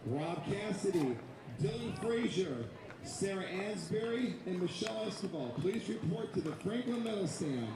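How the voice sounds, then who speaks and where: Male announcer, over a PA system, strong echo, clear background noise, formal public announcement. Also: high-pitched, expressive, normal speed. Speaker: tournament PA announcer. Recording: echoing distant PA, noisy outdoors.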